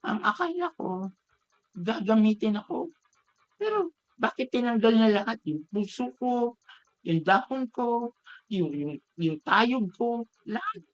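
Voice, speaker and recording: A man's voice: very high-pitched, animated, unhurried, pauses often, highs cut off, pitched above the performer's own voice. A man voicing a bamboo plant in a parable, asking pleading, indignant questions.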